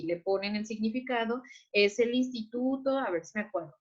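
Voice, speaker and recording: Woman, teacher, patient lecture, slightly high voice, muffled recording. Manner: patient, explanatory, checks in with students often. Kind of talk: online class lecture. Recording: muffled lo-fi audio.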